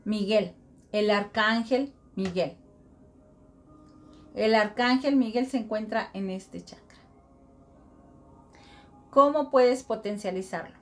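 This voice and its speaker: A woman's voice: mid-range voice, slow, pauses often. A middle-aged woman giving an earnest spiritual self-help talk, repeating mantras and acting out everyday inner voices.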